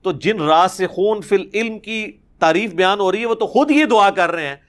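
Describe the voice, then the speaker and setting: A man teaches a Quran commentary lesson. His voice sits fairly high, and he explains each point emphatically, breaking into recited Arabic verses between his explanations. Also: lively intonation.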